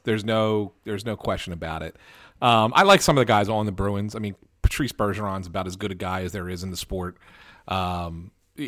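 A man's voice: fairly low pitch, dry recording, clean studio sound. A man co-hosting a casual sports podcast, talking eagerly and restarting his sentences.

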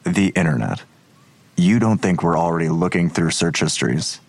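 In naturalistic audio drama dialogue, an actor voices a skeptical police detective who asks terse, probing questions. His voice is low-pitched at a moderate pace, and his mood is challenging and doubtful.

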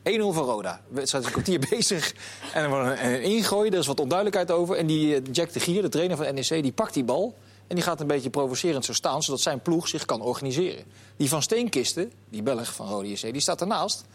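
A man presenting a football talk show, telling anecdotes in an animated way and putting questions to his guests. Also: a little high, quick pace. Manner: animated storyteller, lively anecdotes.

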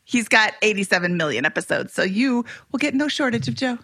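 A woman's voice: mid-range voice, sing-song, fairly quick, pushed and bright, no echo. A woman co-hosting a podcast in a casual, upbeat, chatty way. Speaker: podcast co-host.

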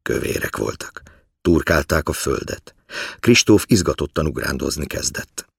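A man calmly reading a story aloud in a measured way. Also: extremely low pitch, vocal fry, slightly rough, no room sound, studio quality. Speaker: narrator. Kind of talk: scripted story narration.

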